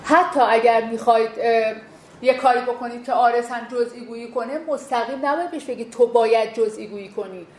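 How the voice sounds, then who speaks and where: زنی با صدای زیر در حال تدریس. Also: female voice, a little high, darkish tone. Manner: informal, acts out sample dialogues. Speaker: teacher of a relationship class. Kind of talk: class lecture. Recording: echoey room with faint ambient noise.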